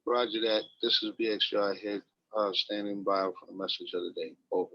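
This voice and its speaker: A man's voice: on the low side, fairly even intonation, fairly quick, dry recording. A man calling in to a radio net for a check-in, heard over a two-way radio link and using terse radio procedure speech. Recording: dry lo-fi radio audio.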